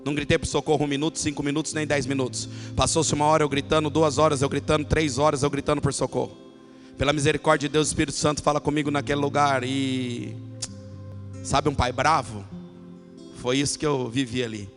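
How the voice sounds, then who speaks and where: A man preaching a sermon as pastor, telling a personal story and building from quiet narration to shouted, passionate climaxes. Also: fairly high pitch, little pitch movement, quick pace, faint music behind.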